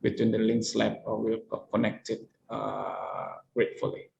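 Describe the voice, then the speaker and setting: A man presenting engineering answers over a video call, halting and searching for words as the bad connection makes his sound drop out. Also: on the low side, huge pitch swings, vocal fry, muffled recording. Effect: choppy video call with the sound dropping out. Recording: echoey room over a weak online link, faint noise.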